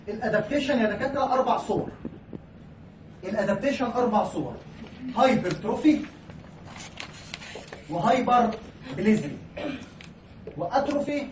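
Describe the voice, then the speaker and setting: In a recorded university lecture, a pathology lecturer with an Egyptian Arabic accent mixes English medical terms into his explanation and poses questions to the class that he answers himself. His voice is high-pitched and darkish, with a little hiss or hum, heard from far off the mic in an echoey room.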